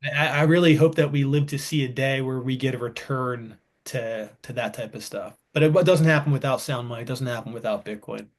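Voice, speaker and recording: A man's voice: mid-range voice, brisk, hardly any pauses. A man in his thirties, co-hosting a podcast in casual chat, rambling and enthusiastic with frequent restarts. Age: 30s. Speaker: podcast co-host.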